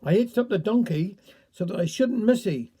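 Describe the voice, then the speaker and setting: A man voicing a muddled, slow-witted Cornish villager who rambles in dialect. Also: sits high, lively intonation, warm tone, husky.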